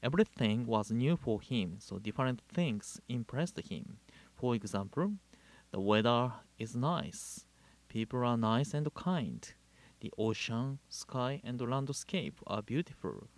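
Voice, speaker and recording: Slow, measured Japanese-accented man. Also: medium pitch, lively intonation. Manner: measured and deliberate, telling a story. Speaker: Buddhist minister. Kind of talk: Dharma talk. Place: living in Hawaii.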